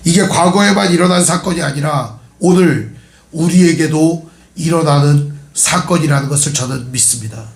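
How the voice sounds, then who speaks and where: Pastor preaching with a cold, echoey church. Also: male voice, a little high. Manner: conversational, quizzes the congregation, jokes. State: has a cold. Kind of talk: sermon. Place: church sanctuary.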